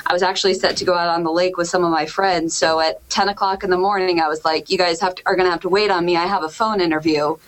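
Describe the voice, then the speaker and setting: A woman's voice: lowish voice, steady tone, fast talker, hardly any pauses, rough recording. A woman in her thirties from Connecticut, a TV meteorologist chatting as a guest on a show and laughing often as she acts out her own past thoughts. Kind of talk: casual interview chat.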